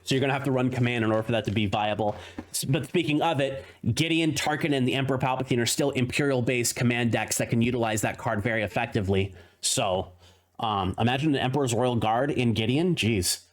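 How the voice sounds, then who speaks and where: A man's voice: mid-range voice, fast talker. Chatty man rattling off card names. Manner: laughs at his own tongue-twisters. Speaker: streamer opening card packs. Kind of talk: casual unboxing commentary.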